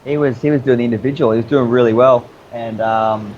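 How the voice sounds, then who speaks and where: A man's voice: mid-range voice, fairly even intonation, fairly quick, lo-fi sound, slight background noise. A man chatting casually as a guest, telling stories in an easygoing, rambling, slangy way. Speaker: interview guest, obstacle racer. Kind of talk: casual storytelling chat.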